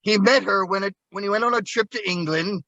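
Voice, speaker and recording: Performing a coin trick at an open mic, a man tells a theatrical, playful story and bursts into high whoops along the way. He speaks briskly in a pushed, bright voice, with no echo and dull-sounding audio.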